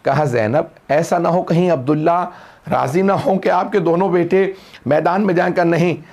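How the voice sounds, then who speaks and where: A man's voice: on the high side, moderate pace, a little mellow. A man, a cleric, recites a mourning sermon, narrating a lament and rising into wailing cries. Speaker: Shia cleric reciting a majlis.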